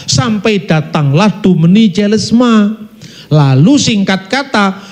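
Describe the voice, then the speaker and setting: A middle-aged preacher delivers an animated storytelling sermon. His voice sits fairly high for a man, and he turns to speak directly to the congregation as he goes. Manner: animated storytelling, addresses congregation, sings snatches of song.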